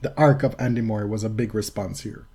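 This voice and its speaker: A man's voice: lowish voice, steady tone, fast, dark tone, husky. Wry man co-hosting a podcast. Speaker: podcast co-host. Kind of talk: casual chat.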